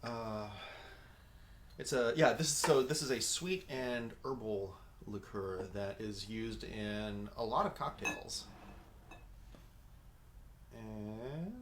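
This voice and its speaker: A man's voice: lowish voice, fairly even intonation, slow, background noise. A man co-hosting a drink tasting show. He speaks in a dry, wry way and moves the segment along. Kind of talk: casual tasting chat.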